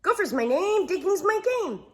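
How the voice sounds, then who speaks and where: A woman voicing a brisk, eager little male gopher in a storybook, with punchy delivery. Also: extremely high pitch, very animated, a little mellow, pitched above the performer's own voice.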